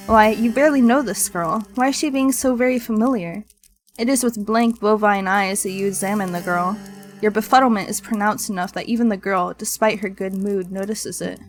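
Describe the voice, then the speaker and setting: A woman streamer reading a visual novel aloud in literary narration, with playful casual asides. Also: medium pitch.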